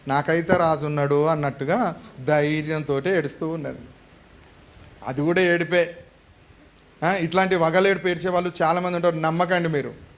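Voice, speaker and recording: A male pastor preaching a sermon, telling a story in a lively way and putting questions to the congregation. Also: on the high side.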